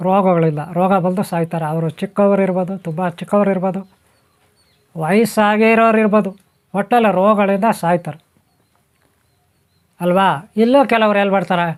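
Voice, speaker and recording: Man, high voice, spiritual talk, repetitive, rhetorical questions. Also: fairly even intonation, brisk, pauses often, smooth. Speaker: spiritual teacher. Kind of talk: spoken talk on spiritual topics.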